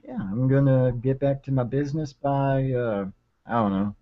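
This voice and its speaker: A young man hosting a livestream. He rambles casually with plenty of ums and restarts. His voice sits at an ordinary pitch and comes through dull, lo-fi audio. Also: steady tone, normal speed. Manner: rambling, with many fillers and restarts. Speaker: livestream host. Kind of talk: casual chat and dramatic reading.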